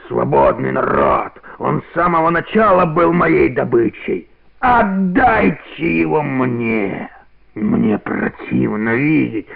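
A hateful male tiger snarls his demands in a deep gravelly growl, put on by a male reader, his pitch swinging wildly and his words drawn out slowly. The sound is thin and narrow, like an old radio broadcast. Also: heavily acted. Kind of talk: radio play reading.

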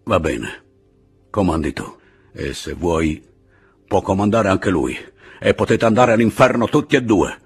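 A man's voice: very deep voice, moderate pace, creaky, breathy edge, faint music behind, heavily acted. A man doing a scornful, defiant guerrilla chief. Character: sullen, defiant male guerrilla leader, drinker.

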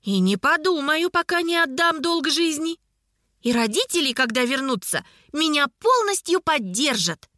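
A woman's voice: sits high, very animated, normal speed, bright, forceful tone, no room sound, clean studio sound, voice pushed up, heavily acted. A woman voicing a feisty young red-haired woman who answers back with defiant retorts. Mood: stubborn.

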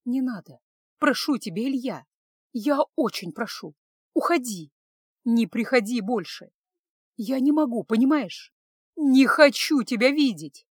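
A hurt young woman on the edge of tears, as a woman reader plays her, her fairly high voice shaking. She moves between near whispers and cries. The audiobook sound is close and dry. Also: expressive, unhurried, pauses often, a little mellow, husky, no room sound. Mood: distraught. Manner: tearful, shaky, between whisper and cry. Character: hurt young woman facing betrayal, tearful.

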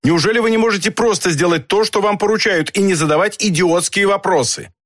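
A man's voice: fairly high pitch, animated, moderate pace, a bit bright, no echo, clean studio sound. A man reading an audiobook, voicing a brusque, commanding doctor. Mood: impatient. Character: middle-aged male doctor, brusque and commanding.

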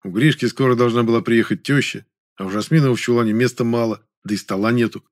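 A man narrates a first-person story at a steady, middle pitch. His reading is dry and quietly ironic, moving evenly through the scene. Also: fast.

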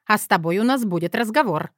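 A woman voicing a bossy, sharp-tongued older mother who barks orders and scolds in a brusque, commanding way. It is read as part of an audiobook. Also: medium pitch, animated, fast, no echo, studio quality, voice pushed up, lightly acted.

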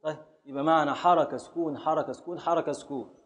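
A man's voice: fairly high pitch, fairly even intonation, quick pace, big-room sound. A man teaching a class in Egyptian Arabic, patiently repeating and scanning words aloud and calling on his students. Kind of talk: classroom lesson on Arabic prosody and grammar.

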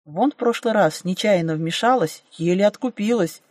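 A woman's voice: mid-range voice, normal speed, a little mellow, dry recording, studio quality. Woman narrating a fantasy audiobook.

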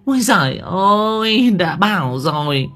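A man voicing a sharp-tongued middle-aged wife who scolds and shrieks at her husband. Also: high voice, sing-song, measured pace, voice pushed up, heavily acted. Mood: jealous shrieking. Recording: faint background music.

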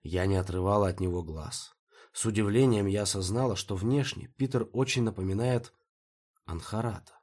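A man narrating a first-person story as an audiobook reader, with expressive storytelling. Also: lowish voice, moderate pace.

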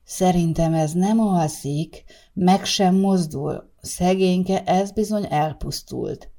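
A woman's voice: on the low side, warm tone, lightly acted. A woman voicing a fussy, worried older grandmother who scolds her husband, read in an audiobook. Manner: scolding, fretful, rising exclamations. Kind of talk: audiobook character reading.

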